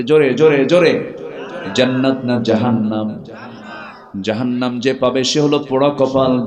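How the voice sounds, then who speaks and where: A man preaching a sermon, calling on the crowd to answer loudly and swinging from soft passages to shouted high peaks, with chanted recitation in between. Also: reverberant. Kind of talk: Bengali waz sermon with chanted Quranic recitation.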